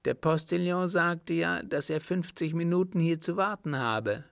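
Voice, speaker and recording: A man's voice: a little high, measured pace, gravelly, a bit bright, smooth, no echo, clean studio sound, pitched above the performer's own voice. A man voicing an indignant, flustered nobleman who asks raised, incredulous questions.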